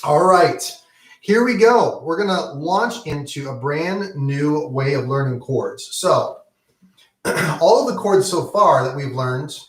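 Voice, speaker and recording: A man's voice: on the high side, animated, takes it slowly, reverberant. A man teaching an online guitar lesson in a casual, encouraging way, with many ums and okays. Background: guitar playing.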